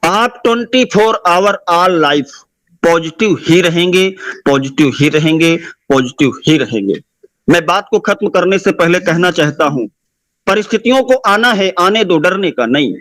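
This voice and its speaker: Impassioned high-voiced man giving a pep talk. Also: a little slow, fairly bright tone, no echo. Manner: impassioned, repetitive exhortations. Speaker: motivational speaker. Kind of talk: motivational speech.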